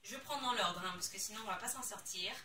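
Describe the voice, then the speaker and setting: Une jeune femme à l'français qui déballe des produits de beauté avec enthousiasme, en parlant de façon spontanée et exclamative. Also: female voice, medium pitch, fast, slight background noise. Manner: excitable, gushing, exclamations. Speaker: beauty vlogger. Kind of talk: casual unboxing chat. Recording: echoey room, somewhat far from the mic.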